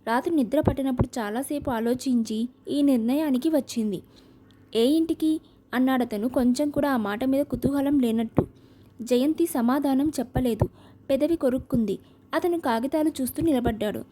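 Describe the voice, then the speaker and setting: High, mellow woman reading a novel. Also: fairly quick, a little hiss or hum. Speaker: audiobook narrator.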